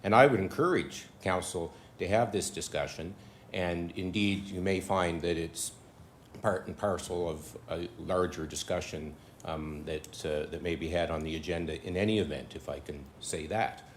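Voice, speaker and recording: Male solicitor, very low voice, careful cautionary advice to council. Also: normal speed, a little hiss or hum. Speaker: town solicitor. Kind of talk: legal advice at a council meeting.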